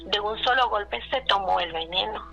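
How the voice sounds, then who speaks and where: A woman's voice: medium pitch, moderate pace, vocal fry, pushed and bright, dull audio, soft background music. A woman recounting a personal family story in casual speech, rambling, with many restarts and fillers, retelling what people said. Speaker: caller telling a personal story.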